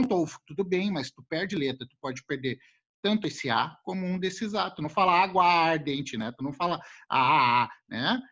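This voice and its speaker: A male teacher from giving a casual classroom lesson, animated and jokey, speaking to his students as a group. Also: high voice, breathy edge. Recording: muffled lo-fi recording.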